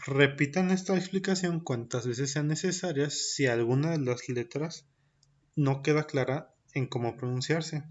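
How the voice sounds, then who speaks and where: On a lo-fi recording, a medium-pitched man teaches French to young children in a primary-school lesson. He states each point in French, repeats it in Spanish, and drills the pronunciation slowly and deliberately.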